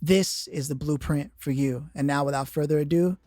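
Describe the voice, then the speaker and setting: A man's voice: a little high, fairly even intonation, moderate pace, music in the background. A man hosting a career podcast, introducing the show and interviewing a guest, earnest and prone to restarting his words. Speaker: podcast host.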